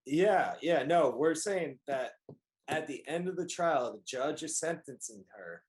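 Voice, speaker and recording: A man co-hosting a casual podcast chat, telling stories with animated energy and playful put-on voices, recorded at home on a call. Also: on the high side, a little slow, a little hiss or hum. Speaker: podcast co-host.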